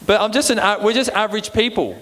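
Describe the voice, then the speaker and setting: With a quick pace and a slightly bright, high-pitched voice, an Australian preacher talks through an informal sermon. His style is chatty, full of rhetorical check-ins seeking the audience's agreement, all echoing in a long hall reverb.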